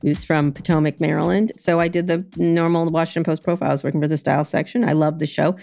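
A woman in her fifties hosting a podcast, talking in a brisk, blunt way with quick restarts. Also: low voice, level tone, creaky, mellow, faint music behind. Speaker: podcast host and interviewer. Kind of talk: casual chat.

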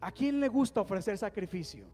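A man's voice: sits high, sing-song, brisk, dark tone. A man preaching a sermon as pastor, calling on the congregation to respond and leading them in prayer. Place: church hall. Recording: long hall reverb with faint music.

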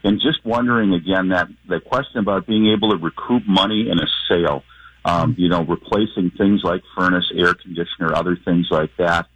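Deep husky man calling in by phone. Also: fairly even intonation, brisk, a bit bright. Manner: polite, thinking aloud with hesitations. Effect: over the phone. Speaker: caller. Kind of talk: call-in question to a radio show. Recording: dull lo-fi phone line.

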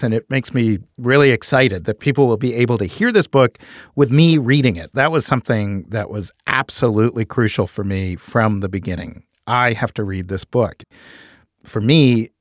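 A middle-aged author with a New York accent speaks in a thoughtful, earnest way, with an easy chuckle now and then. He is recorded close on a studio microphone in a dead, dry booth. His voice sits at an ordinary middle pitch for a man. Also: moderate pace, no echo. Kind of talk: reflective interview monologue.

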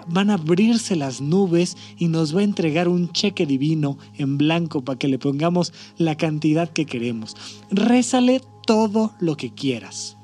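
A man hosts a podcast, telling parables in a conversational way and checking in with listeners as he goes. His voice sits slightly high, with soft music faintly underneath. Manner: conversational, asks listeners to agree. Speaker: podcast host. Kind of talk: storytelling talk.

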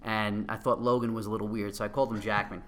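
Bright-voiced man with a Queens accent. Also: fairly low pitch, fast, a little hiss or hum. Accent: Queens, New York. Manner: animated, excitable storytelling with acted-out quotes. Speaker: guest, company co-founder. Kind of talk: casual anecdote telling.

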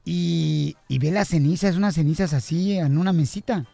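A man hosting a radio show, telling jokes in a playful, teasing way and then talking gently with a caller. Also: a little high, moderate pace, gravelly, faint music behind. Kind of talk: joke telling and caller interview.

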